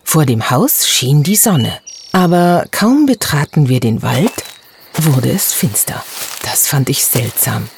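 A narrator reading a children's storybook in the first person, expressive and vivid. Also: mid-range voice, takes it slowly, a little hiss or hum. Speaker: audiobook narrator.

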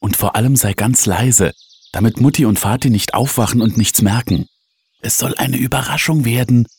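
A man's voice: medium pitch, normal speed, darkish tone, husky, pitched above the performer's own voice. A man putting on a bossy eager little girl. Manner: urgent, bossy coaxing. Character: eager bossy young girl, big sister.

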